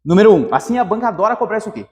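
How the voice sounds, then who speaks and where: Male teacher, high voice, lively grammar lesson, long reverb. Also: racing. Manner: lively, animated, calls viewers "meu querido". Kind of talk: exam-prep grammar lesson.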